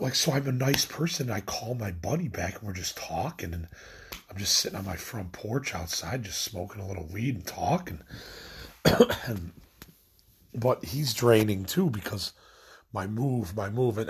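A young man from Illinois vlogs while stoned, delivering a meandering late-night rant in a fairly low, slightly rough, expressive voice at moderate pace. Fillers, especially "like," are everywhere, and he loses the thread mid-thought.

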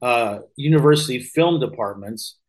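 This Missouri man in his fifties, a real estate investor appearing on a podcast, has an American accent and tells rambling personal stories in a relaxed interview, frequently correcting himself. He speaks in a mid-range voice at a moderate pace.

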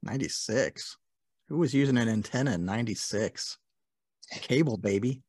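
A man's voice: mid-range voice, moderate pace, darkish tone, breathy edge, no echo, clean studio sound. A man co-hosting a podcast who reads a definition aloud, then cracks a joke about it. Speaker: podcast co-host. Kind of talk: casual chat.

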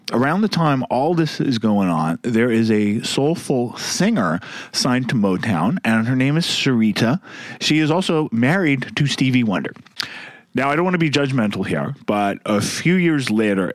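A podcast host with a medium-pitched voice and no echo talks about songs in a chatty, wry way, now and then humming the melodies.

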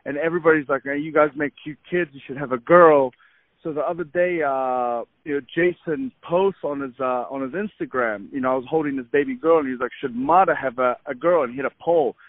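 A man's voice: on the high side, brisk, dry recording. Eager man on a tinny phone line. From Egypt. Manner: eager, animated storytelling with many fillers. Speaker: podcast guest, fitness trainer. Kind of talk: casual interview chat.

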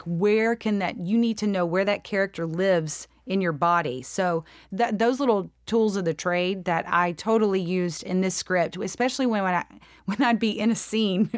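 A woman's voice: mid-range voice, no echo, studio quality. A woman, an actress chatting as a podcast guest and laughing often. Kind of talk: casual interview talk.

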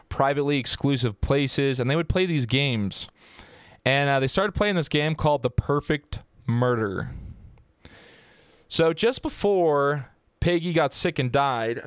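A man talks through a true-crime case on a podcast in loose, joking, profane chat. His voice is smooth and clear, and the recording is dry and close. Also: mid-range voice, no echo. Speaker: podcast host.

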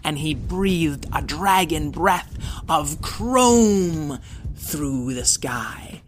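Narrator for kids' story: playful and slow, plain simple phrasing, music bed underneath. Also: mid-range voice, expressive, a little hiss or hum.

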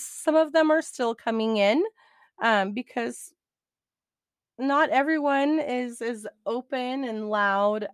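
A middle-aged woman hosting a podcast, chatting excitedly and laughing easily as she recaps. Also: medium pitch, smooth, no room sound, studio quality. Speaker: podcast host.

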